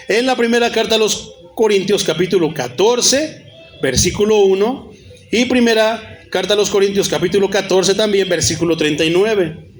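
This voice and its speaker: A man preaching a sermon, calling his listeners brother and reciting Bible references. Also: sits high. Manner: addresses listeners as brother, cites many Bible verses. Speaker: pastor.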